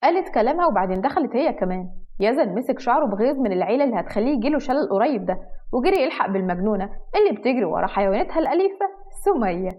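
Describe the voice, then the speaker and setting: A woman with an Egyptian accent narrating a romantic drama story in a brisk, dramatic way. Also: fairly high pitch, big pitch swings. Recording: dull lo-fi.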